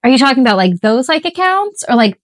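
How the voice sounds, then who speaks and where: A woman's voice: high voice, big pitch swings, fast, no echo, poor audio. A woman co-hosting a podcast, chatting casually in a rambling, self-deprecating, jokey way. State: just recovered from flu. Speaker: podcast co-host. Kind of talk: casual chat.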